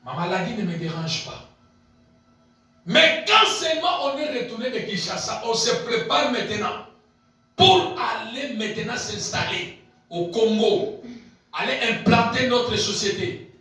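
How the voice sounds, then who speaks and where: Man preaching loud, high bright voice, big shouts then quiet asides, lots of echo from far off. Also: expressive, unhurried. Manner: swings between shouted peaks and low murmured asides; repeats and stretches key phrases. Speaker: pastor. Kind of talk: sermon. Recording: very echoey hall, voice picked up from a distance.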